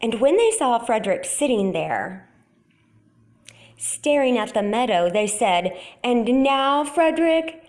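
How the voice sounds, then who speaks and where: A woman storyteller reading a children's picture book aloud in a deliberate, expressive way. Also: mid-range voice.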